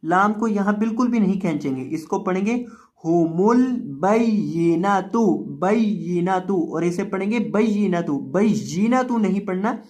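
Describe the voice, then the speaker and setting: A Quran reading teacher giving a Qaida lesson who spells out syllables slowly and drawn out, then explains the rules more quickly. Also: mid-range voice, darkish tone.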